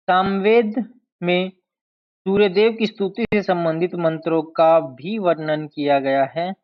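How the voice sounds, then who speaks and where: Male teacher, fairly high voice, exam-prep lecture, drills key terms, dull lo-fi recording. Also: fairly even intonation. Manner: slow, deliberate, repeats key terms to drill them. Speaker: history teacher. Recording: dull lo-fi sound.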